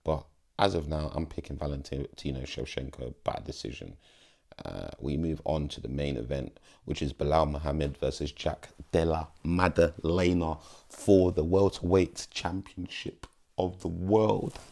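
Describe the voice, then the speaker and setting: A man's voice: a bass voice, measured pace, creaky, dark tone. A young man giving casual, slangy fight predictions in an emphatic, pleading way. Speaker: MMA vlogger.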